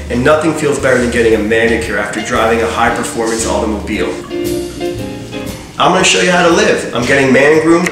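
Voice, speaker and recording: Boastful male TV host in echoey shop. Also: medium pitch. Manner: boastful, playful showman. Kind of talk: casual on-camera chat. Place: large barber shop indoors. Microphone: far camera mic. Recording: echoey room, far from mic.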